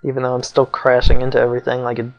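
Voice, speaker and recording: Racing through his words in a creaky, completely flat mid-range voice, a young let's play commentator offers casual game commentary on dull audio with faint game music behind. He's wry and self-mocking, muttering asides, and his voice feels off, maybe from getting sick.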